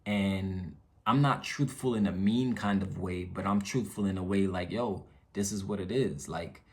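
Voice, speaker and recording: A man venting casually to his viewers in an earnest, slangy way, repeating phrases for emphasis. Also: fairly low pitch. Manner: candid, slangy, frequent check-in tags. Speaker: YouTube vlogger.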